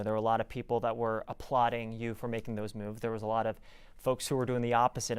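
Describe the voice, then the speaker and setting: A man's voice: mid-range voice, smooth, dry recording. A man conducting a news interview, asking long, informal, roundabout questions in a conversational way. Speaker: interviewer, reporter.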